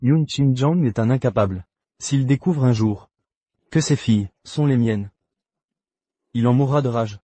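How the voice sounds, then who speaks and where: Man doing a smug secret lover, dark mellow voice, mid pitch, dry sound. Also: a little slow, pauses often, no room sound, close to an everyday voice. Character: sly secret lover, middle-aged man. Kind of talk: French drama dub.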